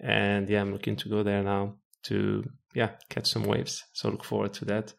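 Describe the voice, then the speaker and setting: A young man who grew up in Italy, chatting casually and relaxed as a podcast host. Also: lowish voice, moderate pace, creaky. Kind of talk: casual conversation.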